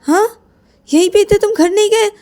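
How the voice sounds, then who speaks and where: Woman voicing Shreya, a shrill scolding girlfriend. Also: mellow. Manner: shrill, rapid questioning, repeats "haan?". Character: scolding, exasperated young woman.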